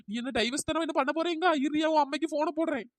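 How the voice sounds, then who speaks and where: A squeaky, high-pitched cartoon wife, as a voice actor plays her, rattling off accusations at a quick clip. She is suspicious, bossy and melodramatic, with a pitch-shifted cartoon tone. The sound is dry and close. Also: no echo. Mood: scolding. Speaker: cartoon character. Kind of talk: comic cartoon dialogue.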